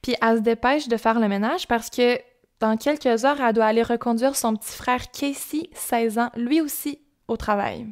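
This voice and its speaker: A woman's voice: fairly high pitch, normal speed. A young woman with a Québécois accent casually telling a true-crime story on a podcast, chatty and informal with asides. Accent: Québécois French.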